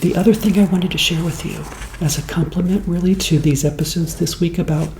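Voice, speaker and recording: Soft-spoken man in his fifties. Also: fairly high pitch, steady tone, roomy sound, a little hiss or hum. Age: 50s. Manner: slow, rambling, conversational. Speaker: host. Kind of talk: soft-spoken ASMR talk.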